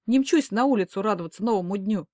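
Woman doing a glum young woman, tired flat answers, dry close sound. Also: medium pitch, fast talker, no room sound, close to an everyday voice. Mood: gloomy. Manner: flat weary replies. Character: gloomy young divorced woman.

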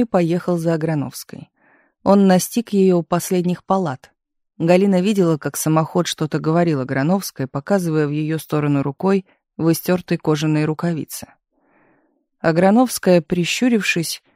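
An audiobook narrator reading a literary novel in a measured, expressive storytelling manner on a close studio mic. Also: medium pitch, dry recording.

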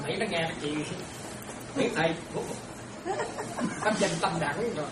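Over the noise of a crowd, a Buddhist nun chats through an informal dharma talk, regularly checking that her disciples understand. Her voice is on the low side and measured in pace, captured in a distant, roomy recording.

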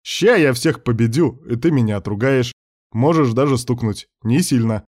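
A man's voice: mid-range voice, moderate pace, a little mellow, no echo, studio quality, lightly acted. A man voicing a brash young male hero who talks bluntly, with slang and mocking jabs. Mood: cocky.

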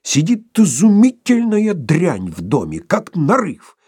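A man's voice: high voice, wildly swooping pitch, slow pace, dark tone, husky, no room sound, studio quality, pitched above the performer's own voice, heavily acted. A man voicing an older male professor, imperious and irate, lecturing in a thundering way. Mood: furious.

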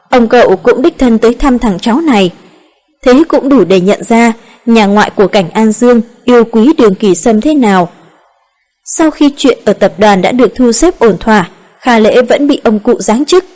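A woman narrating a romance novel in a calm, steady reading voice. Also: on the high side. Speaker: audiobook narrator.

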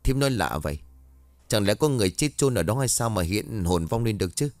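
A man voicing a calm village elder who questions in a measured way. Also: fairly low pitch, no echo, lightly acted. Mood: questioning.

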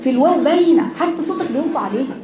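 A woman with an Egyptian accent teaching Quran recitation, correcting students and repeating sounds slowly for them. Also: high-pitched, lively intonation, echoey room, a crowd in the background. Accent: Egyptian Arabic. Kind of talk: tajweed class instruction.

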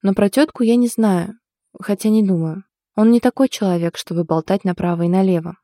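A kind young woman in an audiobook who teases her friend softly and means well, voiced by a woman reader. Her voice is mellow and dark, recorded close in a dry booth. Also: medium pitch, a little fast, dry recording, lightly acted. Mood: thoughtful. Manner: teasing, gentle, soft-spoken. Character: teasing young woman, sympathetic friend in love. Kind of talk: audiobook character voice.

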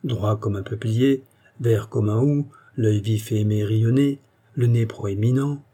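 Warm, husky male audiobook narrator. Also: on the low side, a little slow. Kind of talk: literary audiobook reading.

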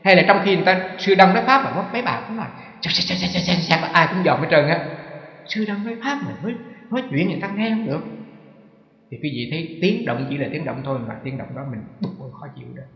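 A man's voice: on the high side, animated, fast talker. A monk giving a conversational sermon, often asking his listeners rhetorical questions and using homely, humorous examples. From Vietnam. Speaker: Buddhist monk giving a dharma talk. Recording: reverberant dull hall recording.

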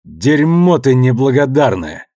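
A man's voice: mid-range voice, sing-song, a little slow, warm tone, dry recording, studio quality. A man voicing a cruel young male soldier who barks insults at his prisoner. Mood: snarling. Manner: snarling, barking insults.

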